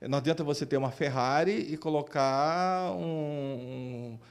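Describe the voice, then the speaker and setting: His voice sits on the high side, clear and resonant, and he speaks a little slowly. This Brazilian Portuguese-accented oncologist and researcher is being interviewed about his work as a doctor, frequently repeating words while he works out his phrasing.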